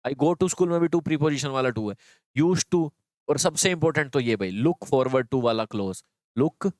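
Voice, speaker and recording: A man's voice: on the high side, no echo. A man teaching an exam-prep English grammar lesson, explaining step by step and repeating key phrases to his students.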